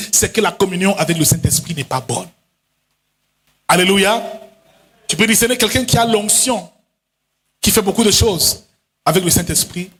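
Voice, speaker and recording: A male pastor preaching a sermon in a chanting, sing-song style, now and then breaking into shouted lines and quickly acting out other voices. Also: sits high. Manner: acts out voices in quick asides. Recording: long hall reverb.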